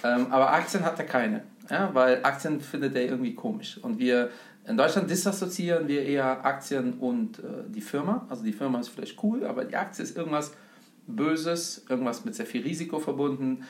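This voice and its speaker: A man's voice: medium pitch, fairly quick. German guy hosting a chat, hesitant fillers, kinda roomy echo. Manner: thoughtful, frequent fillers, lecturing tone. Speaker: host. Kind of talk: conversational talk about investing. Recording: echoey room.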